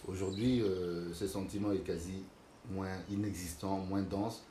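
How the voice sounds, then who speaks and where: An older man from Congo speaks in a very low voice, explaining his views at a measured pace. The room adds a clear echo. Faint background noise sits underneath. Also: steady tone, warm tone. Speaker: guest. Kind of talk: interview answers.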